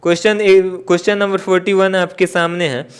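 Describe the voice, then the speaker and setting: A man's voice: high voice, little pitch movement, fairly quick, smooth. A man teaching an exam-prep grammar lesson, explaining step by step, asking and answering his own questions and repeating key points. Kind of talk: classroom-style exam lesson.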